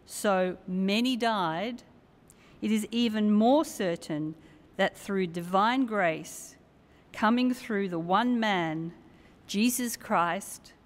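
An older woman reading scripture aloud as a lector in a solemn, measured, formal way, in an echoing church. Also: medium pitch. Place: brick-walled church, at lectern. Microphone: gooseneck lectern microphone. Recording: long cathedral-like echo in church.

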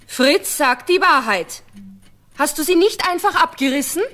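A woman's voice: high-pitched, animated, unhurried, fairly bright tone. An actress playing a stern but loving mother with a Bavarian accent, firm and exasperated, in a 1970s radio play.

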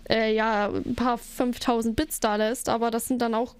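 A woman's voice: a little high, flat delivery, moderate pace, clear, resonant tone. A young woman streamer chatting casually, flustered and giggly as she thanks her viewers. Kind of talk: casual live stream chat.

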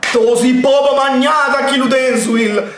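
A man reacting live to a football match, shouting, swearing and chanting players' names. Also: extremely high pitch, fairly even intonation, unhurried. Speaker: football fan streamer. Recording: echoey room with broadcast crowd noise. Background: match broadcast with stadium crowd.

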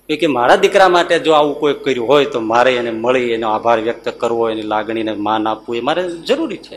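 A man preaching as a monk, telling a story in a sermon with a Gujarati accent, dropping softer and lower for the characters' words and rising to emphatic bursts. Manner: acts out the characters' lines in softer, lower tones; rises to emphatic high bursts.

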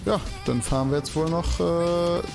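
Over game music, a young let's play host chats casually while commentating a racing game, cursing and shouting at the track. He speaks at a normal speed in a fairly high, creaky voice with a steady tone.

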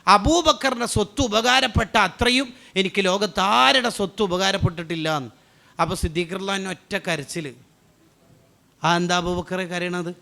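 A man preaching an Islamic sermon, asking rhetorical questions and answering them, swinging between loud urging and low intimate tones.

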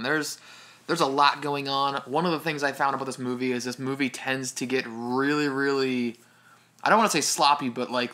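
A man's voice: mid-range voice, sharp tone. A man co-hosting a podcast, chatting casually about a film, hesitant with frequent restarts. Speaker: podcast co-host. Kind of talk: casual film review chat.

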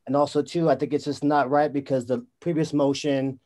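A man giving a public comment at an online council meeting, halting with fillers and restarts. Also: medium pitch, little pitch movement, warm tone.

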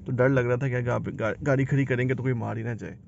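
A man's voice: medium pitch, fairly even intonation, fairly quick, gravelly, a little hiss or hum. A man in his thirties chatting casually as he vlogs, laughing often and mixing English phrases into his talk, filmed on a phone held at arm's length. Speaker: vlogger. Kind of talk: casual vlog chat. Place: busy cafe and parked car at night. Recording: dull phone audio, loud crowd.

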